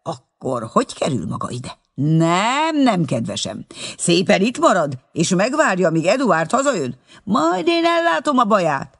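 A man voicing an angry middle-aged woman who scolds and shouts, in an audiobook reading. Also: medium pitch, sing-song, few pauses, breathy edge, heavily acted. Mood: outraged. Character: shrill furious middle-aged landlady.

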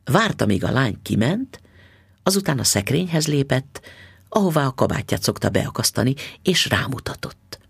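A man narrating a story in an expressive, audiobook style. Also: mid-range voice, vocal fry, breathy edge, no room sound.

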